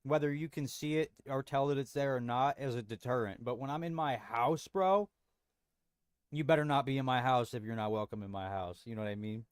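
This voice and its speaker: A man's voice: mid-range voice, a little fast, clear, resonant tone, dry recording, studio quality. A young man streaming from home, chatting casually with viewers in a rambling, slangy way full of restarts. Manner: rambling, frequent restarts and slang, says bro a lot. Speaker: livestream host.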